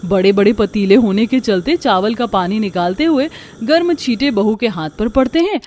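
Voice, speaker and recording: A woman's voice: mid-range voice, expressive, normal speed, a little mellow, a little hiss or hum. A woman narrating a cartoon family story in a scripted storytelling style. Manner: storytelling, voices the family members too.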